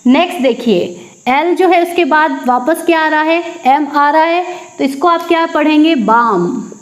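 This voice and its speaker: A woman teaching English at a board, slowly repeating each word and then answering her own questions. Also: sits high, fairly even intonation, echoey room. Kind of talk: classroom lesson. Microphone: teaching at a board with a marker.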